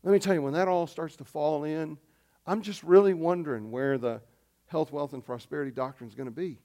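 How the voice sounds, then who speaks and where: A man preaching a sermon as pastor, swinging between loud emphasis and quiet asides. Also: on the high side, a little fast.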